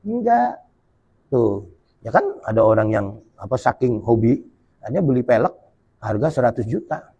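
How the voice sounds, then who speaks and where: Man, preacher at a dawn mosque gathering, husky, jokey, swings his pitch a lot. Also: big pitch swings, normal speed, long pauses, dark tone, lo-fi sound. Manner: jokey, colloquial, reads and explains Arabic text. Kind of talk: humorous sermon.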